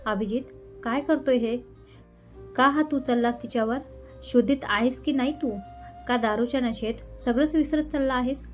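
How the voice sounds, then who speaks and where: A woman's voice: on the high side, fairly even intonation, normal speed, soft background music, natural voice. A woman storyteller voicing a stern elderly man who scolds a young man. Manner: scolding, reproachful. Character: stern elderly father figure scolding his son.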